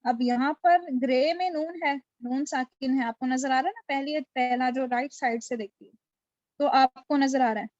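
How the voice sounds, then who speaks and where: Woman, recitation teacher, patient questioning manner, high voice, dull lo-fi call sound. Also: darkish tone, no echo. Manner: patient, asks students questions and praises answers. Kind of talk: online class lesson. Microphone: video call.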